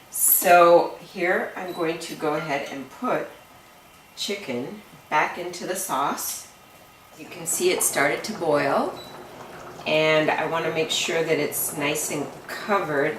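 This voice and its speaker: A deep-voiced woman presents a recipe in her home kitchen, going step by step and chatting warmly as she works. Her voice comes from far off the mic in an echoey room, against a noisy background of clinking pots and cutlery.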